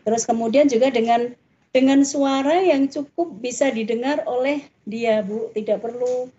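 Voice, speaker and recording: A woman's voice: on the high side, normal speed, warm tone, muffled recording. A woman giving a parenting talk in a chatty way, full of tag questions. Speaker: parenting speaker.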